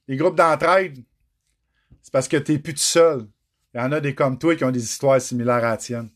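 A man's voice: mid-range voice, moderate pace. A middle-aged man with a Quebec French accent, telling his own story in a raw, emotional monologue, cursing often and speaking straight to the viewers.

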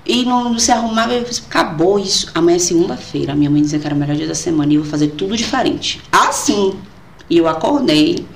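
Animated woman telling her story, roomy sound. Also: on the low side, fast talker, gravelly, slight background noise. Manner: animated and expressive, acts out quoted voices. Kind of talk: casual conversation, personal storytelling. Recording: roomy echo.

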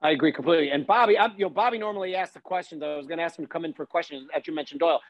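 A podcast host, a man whose voice sits fairly high. The sound is dry and close, with no room around it. He agrees readily and keeps the conversation moving. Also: rapid-fire, dry recording, muffled recording. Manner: agreeable, runs the conversation, hands off questions. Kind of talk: casual podcast chat.

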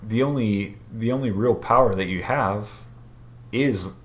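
A man with a fairly low voice talks in an easygoing, reflective way over a video call. His audio is choppy and keeps cutting out, as a call connection does when it breaks up. He sounds like a regular co-host chatting with friends. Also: a little slow. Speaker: podcast co-host. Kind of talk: casual group chat.

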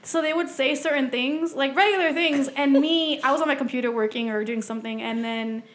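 A woman's voice: sits high, fairly quick, echoey room. A woman co-hosting a podcast in casual chat, rambling and giggling as she talks into a close mic. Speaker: podcast co-host. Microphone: close studio mic.

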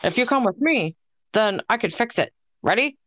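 A woman's voice: fairly high pitch, lively intonation, moderate pace, a bit bright, no echo. A woman doing an impression of a laid-back, goofy cartoon handyman who eagerly rallies his friends. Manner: eager, rallying, repeats "dudes".

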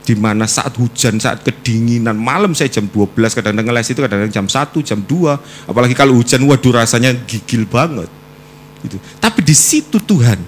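A man preaching a sermon with personal testimony, swinging between loud exhortation and soft, prayerful asides. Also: mid-range voice, slight background noise.

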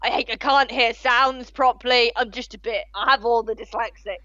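A woman's voice: fairly high pitch, steady tone, moderate pace, sharp tone, muffled recording. A young woman co-hosting a podcast, chatting casually in a silly, self-deprecating, rambling way. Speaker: podcast co-host. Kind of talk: casual chat.

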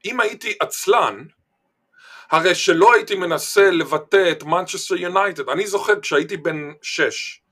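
A man's voice: high voice, a bit bright, husky. An Israeli man speaking emphatically in a discussion, telling anecdotes and often repeating words and phrases. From Israel, Eilat. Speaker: panel speaker on language. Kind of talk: animated discussion with anecdotes and quotes.

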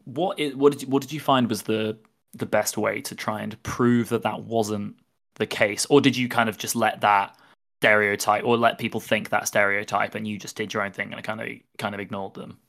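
A man hosting an interview, asking questions quickly with frequent restarts. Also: on the low side, steady tone, gravelly, a bit bright. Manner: fast, stumbling restarts. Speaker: podcast host. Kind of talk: casual interview.

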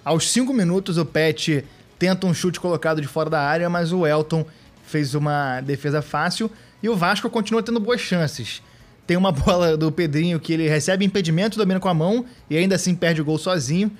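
A man's voice: a little high, a little fast. Joking Brazilian man recapping a match. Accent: Brazilian Portuguese. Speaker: podcast host recapping a football match. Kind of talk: casual match recap chat.

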